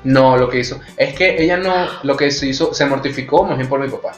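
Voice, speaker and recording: A man's voice: medium pitch, a little fast, highs cut off. A man with a Venezuelan Spanish accent, hosting a casual, candid chat and telling his stories frankly and with animation. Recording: echoey room with faint music.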